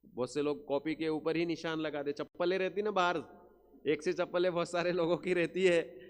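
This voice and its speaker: A man giving a Jain religious discourse, stretching out chanted verses slowly and breaking into quick asides to his listeners. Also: fairly high pitch, flat delivery, clean tone. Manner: slow, drawn-out chanting of verses, then quick asides to the audience. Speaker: Jain pravachan speaker. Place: large hall at a Jain pilgrimage site. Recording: long hall reverb.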